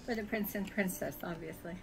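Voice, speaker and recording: Speaking at a moderate pace in a medium-pitched voice, an American woman from California gives a relaxed, chuckling tour of a virtual world she created herself.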